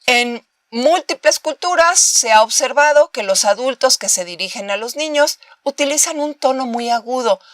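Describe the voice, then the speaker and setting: Higher-pitched Mexican woman lecturing. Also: expressive, normal speed, few pauses, dry recording, studio quality. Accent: Mexican Spanish. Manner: explanatory, with rhetorical questions and acted examples of baby talk. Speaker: university lecturer. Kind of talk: recorded master class lecture.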